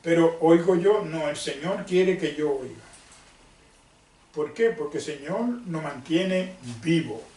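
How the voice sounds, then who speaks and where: A male preacher gives a sermon, slowly and emphatically, asking questions and answering them himself. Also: on the high side, expressive, darkish tone, recorded from a distance. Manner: slow, emphatic, asks and answers own questions. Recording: echoey room, off-mic.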